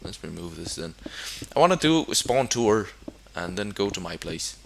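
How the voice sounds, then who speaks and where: Deep, gravelly, and very animated, this young Danish man's voice moves at a moderate pace on a low-quality recording with slight background noise. He's a gamer casually commenting on a building game in Danish-accented English, his second language, with frequent fillers, hesitations, and restarts.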